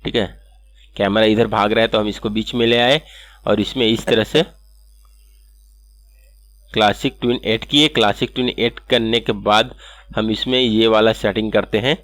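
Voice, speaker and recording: A man hosting an animation software tutorial, walking through each step and checking in with "okay" again and again. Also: on the low side, fairly even intonation, moderate pace, pauses often, no echo. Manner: step-by-step, repeats "ठीक है" often. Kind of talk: screen-recorded software tutorial.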